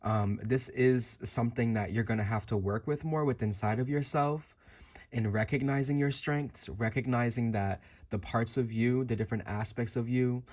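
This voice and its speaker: A man's voice: mid-range voice, moderate pace, a little mellow. A man giving a fortune teller's improvised tarot reading straight to the listener, musing and circling back to repeat and rephrase his phrases. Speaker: tarot card reader.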